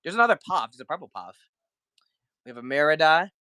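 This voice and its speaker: Speaking fast and very animated, a man with a slightly high, sharp, clean voice runs a casual live toy sale. Though he has the flu, he chats freely, welcomes viewers, and counts down offers, all with no echo.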